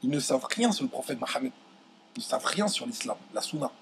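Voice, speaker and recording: A young French video commentator rants heatedly straight to camera, indignant and stumbling over his words, his voice jumping high whenever outrage hits. He's expressive and quick, with vocal fry, and there's slight background noise. He restarts many times.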